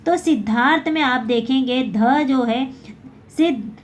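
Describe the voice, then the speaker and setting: A woman's voice: high-pitched, a little slow. A woman teaching a basic Hindi lesson, explaining step by step and often correcting herself.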